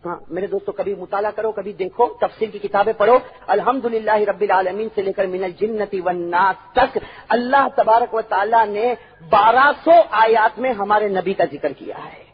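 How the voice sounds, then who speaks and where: A male preacher with a Pakistani Urdu accent giving a fiery sermon, crying out loudly and then dropping to hushed asides, calling on the crowd to answer. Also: sits high, steady tone, breathy edge. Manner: impassioned, swings from loud cries to hushed asides, calls for crowd response. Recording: dull lo-fi recording.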